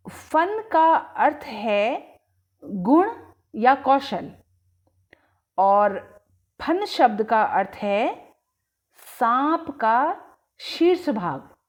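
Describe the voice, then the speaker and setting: A woman teaching a language lesson in slow, scripted narration, drawing out each word with deliberate enunciation. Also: sits high. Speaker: Hindi teacher.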